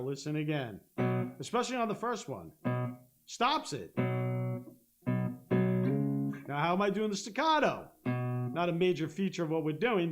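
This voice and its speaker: A man with a fairly high voice leads a live-streamed guitar lesson. He breaks each part down patiently, often checks in with "okay?" and hums the rhythms. Loud guitar playing runs underneath his voice. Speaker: guitar teacher. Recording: guitar playing loudly behind. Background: guitar playing and looper.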